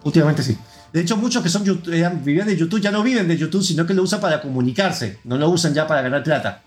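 A man's voice: on the high side, animated, quick pace, faint music behind. A man with an Argentine accent hosting a podcast in casual chat, rambling and opinionated with lots of fillers. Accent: Argentine Spanish. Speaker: podcast host.

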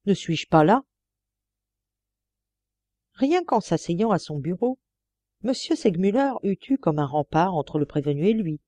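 A woman reading a classic novel aloud as an audiobook narrator, measured and expressive. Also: fairly low pitch, no room sound. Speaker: audiobook reader. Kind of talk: scripted narration.

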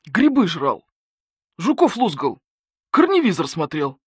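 A woman voicing a rude, streetwise male wolf under suspicion, who snaps back in gruff slang. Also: on the low side, wildly swooping pitch, unhurried, no echo, studio quality, exaggerated voice. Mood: surly. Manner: gruff, snapping slangy talk.

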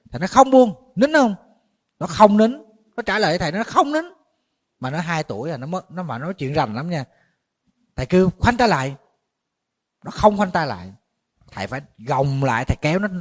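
Buddhist monk, slightly high-pitched man, preaching in a chatty storytelling way. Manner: conversational storytelling, animated when retelling shouting. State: a little tired. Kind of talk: dharma talk.

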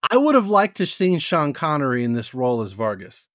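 A man's voice: fairly high pitch, sing-song, brisk, fairly bright tone, no echo, studio quality. A man co-hosting a casual movie podcast, sharing offhand opinions and fun facts. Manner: offhand, sprinkles fun facts, many fillers. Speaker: podcast co-host. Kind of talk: casual chat.

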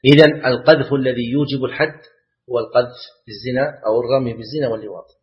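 A man's voice: mid-range voice, fairly even intonation, fast talker. Male sheikh, lecture delivery, repeats points, rhetorical questions to the class, dull lo-fi recording. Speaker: sheikh teaching Islamic law. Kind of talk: classroom lecture explaining a text.

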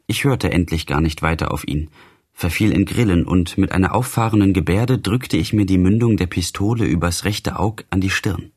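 Deep husky male reader. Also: moderate pace, darkish tone. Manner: impassioned, declamatory first-person narration. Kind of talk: literary audiobook reading.

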